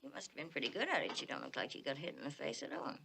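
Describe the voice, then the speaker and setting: Martha, a gravelly taunting wife. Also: female voice, low voice, huge pitch swings, rapid-fire, noisy background, exaggerated voice. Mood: mocking. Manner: mocking, flirtatious, needling. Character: boozy, taunting middle-aged wife Martha.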